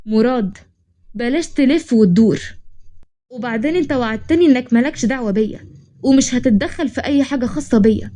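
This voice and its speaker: A stubborn young Egyptian woman, read by a woman narrator, quick-talking and a little high. She is proud and easily irritated, with a soft, mellow tone. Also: lightly acted. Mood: pleading. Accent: Egyptian Arabic. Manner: pleading then sharp and irritated.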